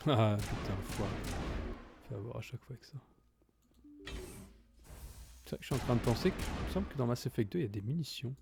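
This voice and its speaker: A man's voice: mid-range voice, lively intonation, a little fast, gravelly, long pauses, music in the background. A man giving casual, swearing commentary while playing a video game, thinking aloud and praising himself. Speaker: gaming YouTuber. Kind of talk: casual let's-play commentary.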